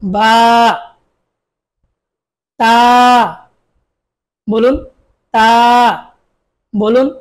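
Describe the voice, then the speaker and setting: Female Quran teacher, high-pitched and unhurried, drills letters call-and-repeat. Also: fairly even intonation. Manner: slow, repeats each letter for learners to echo. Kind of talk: online recitation lesson.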